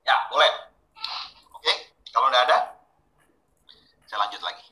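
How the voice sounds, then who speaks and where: A man's voice: mid-range voice, unhurried, roomy sound, low-quality recording. A man giving a training webinar, talking casually and putting questions straight to his audience. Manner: lively, questioning audience directly.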